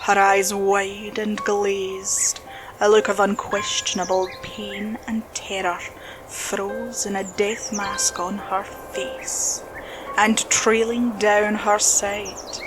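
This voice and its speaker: A woman narrating a horror story slowly and dramatically, dropping to a hush at tense moments. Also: medium pitch, little pitch movement. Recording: spooky music bed under voice.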